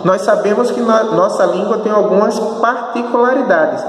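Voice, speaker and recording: A Brazilian man with a northeastern accent, a Spanish teacher giving a recorded lesson who explains patiently and keeps checking that students follow. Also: high-pitched. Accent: Brazilian Portuguese, northeastern. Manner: slow, explanatory, checks understanding with frequent tag questions. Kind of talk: recorded remote class lesson. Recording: echoey room, voice far from the mic.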